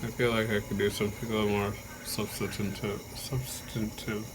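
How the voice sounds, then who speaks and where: A man chatting casually to camera in a halting, low-key way, his mouth numb, dry and stiff after jaw surgery. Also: level tone. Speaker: vlogger, patient recovering from jaw surgery. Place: hospital room. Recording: clear background noise throughout.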